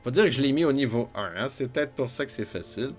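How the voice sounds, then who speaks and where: A man with a Quebec French accent narrates his game session in a loose, joking way, chatting aloud to himself as he plays. His voice sits at an ordinary middle pitch. Soft music plays faintly behind him. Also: animated, fast talker. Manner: joking, chatty, talks to himself while playing. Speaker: gamer. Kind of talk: let's play commentary.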